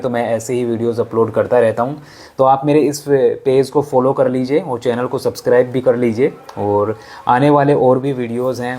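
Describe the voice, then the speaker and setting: A man's voice: mid-range voice, warm tone, a little hiss or hum. A man hosting a social media channel, talking casually and directly to viewers in a closing outro. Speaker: channel host. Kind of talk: outro asking for likes and follows.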